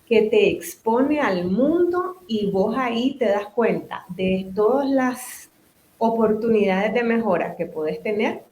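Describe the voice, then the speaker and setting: A woman's voice: a little high, animated, slow pace, darkish tone, dull audio, a little hiss or hum. Chatty Nicaraguan woman in an echoey room. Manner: talkative, explains with restarts and asides. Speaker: guest, business owner and psychotherapist. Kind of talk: interview conversation.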